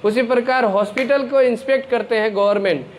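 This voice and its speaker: A man preaching a sermon to an audience, animated and full of questions, acting out the characters of his story. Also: very high voice, brisk, slight background noise.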